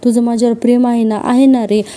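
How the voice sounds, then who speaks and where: A woman's voice: a little high, flat delivery, quick pace, warm tone, natural voice. A woman reading the lines of a frightened young daughter-in-law who begs forgiveness. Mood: pleading. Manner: pleading, desperate.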